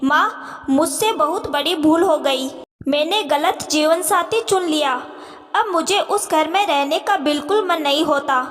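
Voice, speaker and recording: A woman's voice: high voice, unhurried, a bit bright. A woman voicing a hurt young married daughter who hesitantly confides her troubles, in a reverberant room. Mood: confessing.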